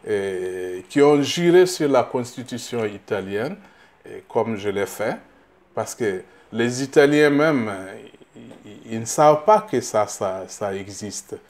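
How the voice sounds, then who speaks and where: With a medium-pitched, slightly mellow voice and lively intonation, this middle-aged man from Burkina Faso responds to interview questions as a political candidate. His delivery is slow and halting, with small words repeated as he looks for what comes next, turning emphatic on key points.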